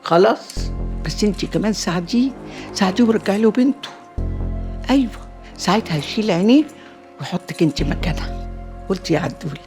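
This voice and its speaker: An actress playing a shrewd, proverb-quoting older matriarch with an Egyptian Arabic accent, in a TV drama. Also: female voice, medium pitch, animated, fast, pauses often, darkish tone, soft background music, lightly acted. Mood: scheming. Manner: sly, proverb-quoting, teasing. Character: shrewd older neighborhood matriarch, scheming aunt figure. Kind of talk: TV drama acting.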